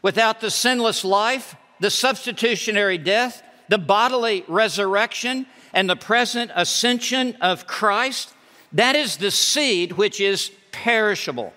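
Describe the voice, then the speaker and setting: A man preaches from the pulpit in a high, bright voice, stressing and repeating his words. He speaks at a slow, deliberate pace. The sound carries the long reverb of a large church hall. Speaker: pastor. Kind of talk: sermon. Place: church sanctuary.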